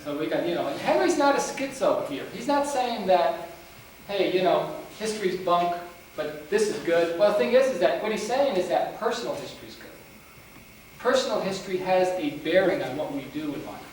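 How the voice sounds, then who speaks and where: A man with a lively, fairly high voice speaks at an ordinary pace, his accent a blend of New England and North Country. Addressing a meeting, he rambles through a genealogy lecture with many restarts. The recording is roomy and distant, captured from far off in a meeting room with a faint hiss.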